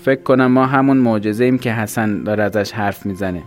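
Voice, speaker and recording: A man's voice: lowish voice, faint music behind, voice pushed up, close to an everyday voice. A man voicing a thoughtful, resolute teenage boy.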